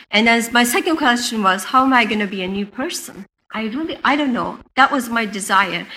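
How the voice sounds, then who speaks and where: A woman from Turkey with a Turkish accent, a native Turkish speaker, giving an earnest personal faith testimony in a chapel, halting and restarting as she speaks. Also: mid-range voice, sharp tone, a little hiss or hum, poor audio. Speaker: guest speaker sharing testimony.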